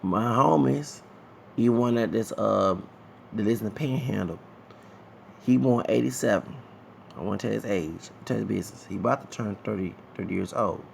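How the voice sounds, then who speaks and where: A man's voice: lowish voice, moderate pace, creaky, slight background noise. A man, talking to his viewers in a loose, digressive vlog commentary that often repeats itself. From Texas, USA. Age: 30s. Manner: digressive, repeats himself, talks to viewers directly. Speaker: vlogger. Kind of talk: casual rambling commentary.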